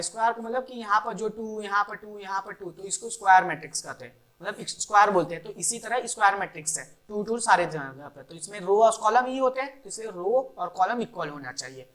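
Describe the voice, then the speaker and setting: A woman maths teacher giving a board-exam revision lesson, counting rows and columns aloud and answering her own questions, with in. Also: medium pitch.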